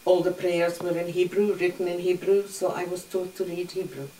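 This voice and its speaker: In this oral history recollection, an elderly interviewee from Hungary speaks her native Hungarian at a moderate pace. Her voice is rather low, warm and steady, heard from a distant microphone with plenty of room echo.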